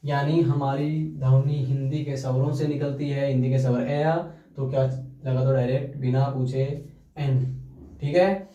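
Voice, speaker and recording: A man's voice: mid-range voice, level tone, unhurried, dark tone, far from the mic, lo-fi sound. A man teaching English grammar in a classroom style, asking his students questions and answering them himself. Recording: echoey room, voice from off the mic.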